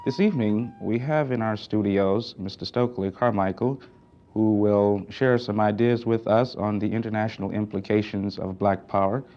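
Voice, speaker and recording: A man hosting and moderating a TV interview, introducing guests and asking formal, measured questions. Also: lowish voice, steady tone, dark tone, soft background music. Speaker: host and moderator. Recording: dull lo-fi 1960s TV audio.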